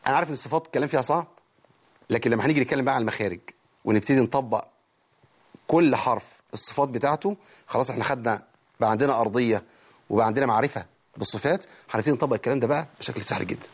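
A man with an Egyptian Arabic accent teaches a recitation lesson at a rapid clip. He talks at a steady middle pitch. He keeps posing questions and answering them himself, and he stops to sound out letters as examples. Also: husky. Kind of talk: lecture on recitation.

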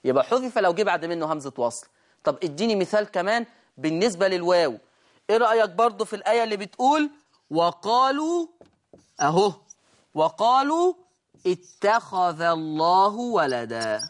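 An animated Egyptian man with a high-sitting voice explains beginner Quran recitation in an online tajweed lesson, one step at a time. He often pauses to ask "right?" to confirm his listeners follow, then chants verses slowly and at length to illustrate each rule.

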